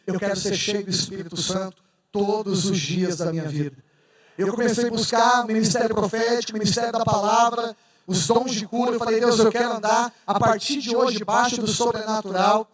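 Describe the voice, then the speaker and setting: A man preaching a fervent sermon as pastor, rising to shouts at the high points and joking with the congregation. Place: church. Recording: echoey church hall, mic far off.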